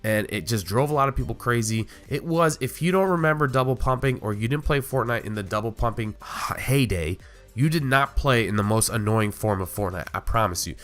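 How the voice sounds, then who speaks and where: A man's voice: medium pitch, brisk, fairly bright tone, soft background music. A man with a cold and a nasal voice, hosting a gaming video in casual, rambling commentary. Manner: conversational, rambling with small asides.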